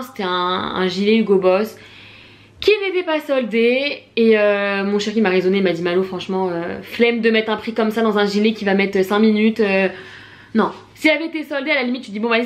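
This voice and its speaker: A young woman with a French accent chatting casually in a shopping haul vlog, full of slang, fillers and lively asides. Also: on the high side, a little fast. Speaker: vlogger.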